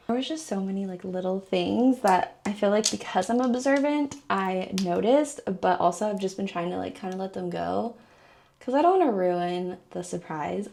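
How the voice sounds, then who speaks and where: Giddy chatty woman with some vocal fry. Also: mid-range voice, darkish tone. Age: 30s. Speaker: vlogger. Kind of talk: casual vlog chat.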